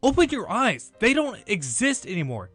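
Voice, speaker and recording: Bitter hunter, male actor: high, animated, scornful drama delivery over faint music. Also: normal speed, heavily acted. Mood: scornful anger. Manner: scornful, emphatic. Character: bitter, hot-headed male mystic hunter. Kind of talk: amateur animated drama acting.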